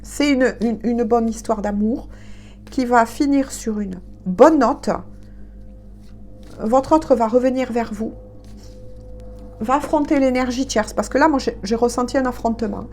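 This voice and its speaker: A woman's voice: a little high, a little slow, pauses often, a little mellow, a little hiss or hum. A woman giving a casual, chatty tarot reading, hesitant and congested from allergies. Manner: chatty, hesitant, peppered with "hein". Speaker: tarot card reader.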